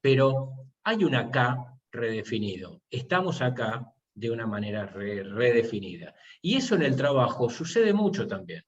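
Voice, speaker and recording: A man's voice: medium pitch, sing-song, normal speed, hardly any pauses. A man, a university teacher, explaining his course methods in an online seminar and posing rhetorical questions. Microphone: video call. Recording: muffled video call audio.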